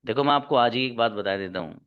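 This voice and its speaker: Speaking quickly in a mid-range voice, a male English teacher lectures his students, scolding them and urging hard work while calling them son and daughter. The sound quality is dull and lo-fi.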